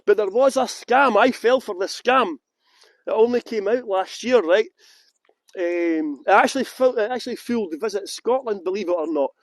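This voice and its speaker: A man's voice: high voice, moderate pace, dry recording. A man from West Yorkshire giving a chatty, joking walking tour outdoors in large public gardens. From England (West Yorkshire). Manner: chatty, joking, lively asides. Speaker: tour guide. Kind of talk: live-streamed walking tour talk.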